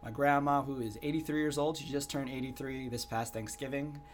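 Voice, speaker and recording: A young American man answering interview questions in an earnest, reflective way, often pausing with "you know". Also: medium pitch, steady tone, slight background noise. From United States. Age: young adult. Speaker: guest entrepreneur.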